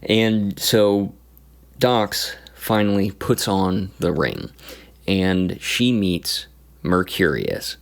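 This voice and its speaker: Slow, gravelly-voiced man recounting a game. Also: sits low, lively intonation. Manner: halting, many fillers and restarts. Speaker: game master recounting his campaign. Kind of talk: casual story recap.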